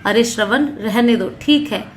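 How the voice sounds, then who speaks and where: A woman's voice: on the high side, a little slow, slight background noise, lightly acted. A woman voicing a polite, easygoing male office boss in a storybook tale.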